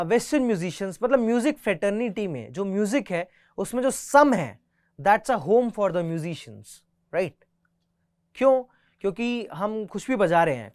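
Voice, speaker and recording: Man, tabla teacher, slow and patient, repeats instructions, recites drum syllables, Hindi mixed with English. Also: high-pitched, no echo, studio quality. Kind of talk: beginner music class, Hindi mixed with English.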